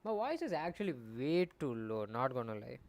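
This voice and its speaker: With big swings in pitch around a medium register and a moderate pace, a young man gives casual commentary while coding a game live. At his desk mic he rambles, reasons out loud and keeps revising what he said.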